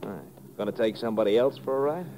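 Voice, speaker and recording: A man's voice: fairly low pitch, quick pace, warm tone, lightly acted. An American man playing a folksy army sergeant with a slangy, blunt way of talking in a 1950s radio drama. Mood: amused. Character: folksy, easygoing male army sergeant at checkpoint. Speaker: supporting actor. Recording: noisy vintage radio recording.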